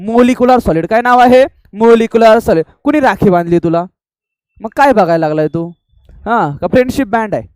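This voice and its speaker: A man's voice: sits high, clear, resonant tone, dry recording. A male chemistry teacher with a Marathi accent, lecturing a classroom and making students repeat answers aloud, mixing in English terms. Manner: call-and-response drilling, urging students to answer loudly; mixes English terms into fast classroom talk.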